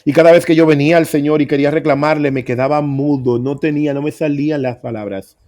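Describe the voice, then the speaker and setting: A man's voice: on the high side, steady tone, fast talker, dark tone. A middle-aged man preaching, telling his own story with earnest emphasis. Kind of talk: sermon testimony.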